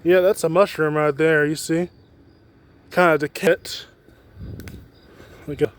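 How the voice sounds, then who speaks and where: A man's voice: a little high, fairly even intonation, measured pace. A young man chatting casually in an off-the-cuff, rambling walking vlog, recorded outdoors on a handheld phone. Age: young adult. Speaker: student vlogger. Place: outdoors on a campus street. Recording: faint outdoor street noise.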